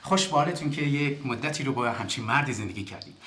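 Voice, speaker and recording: An actor playing a formal, flattering man who admires a doctor. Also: mid-range voice, echoey room, lightly acted.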